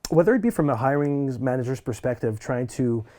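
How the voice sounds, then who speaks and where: Halting male interviewer, mellow tone. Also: medium pitch, expressive. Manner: halting, repeats words while framing questions. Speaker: podcast host. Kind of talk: interview questions.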